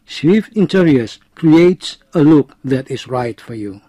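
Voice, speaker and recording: A man's voice: fairly high pitch, lively intonation, slow pace, warm tone, breathy edge, no room sound, exaggerated voice. A man playing an announcer, reading scripted notices like adverts or airport announcements. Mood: promotional.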